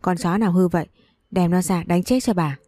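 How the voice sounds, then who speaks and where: A woman's voice: fairly low pitch, fairly quick, warm tone, no room sound, close to an everyday voice. A woman voicing a stern, dismissive mistress of the house who questions sharply. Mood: scornful.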